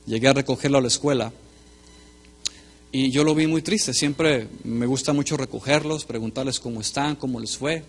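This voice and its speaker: A middle-aged male pastor giving a sermon, speaking straight to his congregation and swinging between forceful and quiet delivery. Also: medium pitch, normal speed. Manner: emphatic preaching that swings between loud and soft.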